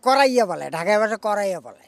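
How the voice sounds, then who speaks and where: A middle-aged man from the Rangpur area, giving short, hesitant answers with soft laughs in a casual street interview. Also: high-pitched, quick pace, dry recording. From Rangpur area, Bangladesh.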